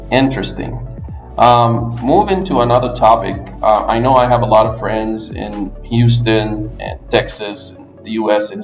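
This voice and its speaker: A man from the United States hosting an interview, asking questions in clear, explanatory steps. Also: lowish voice. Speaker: interviewer, English language fellow. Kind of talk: podcast interview. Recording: echoey room, music underneath.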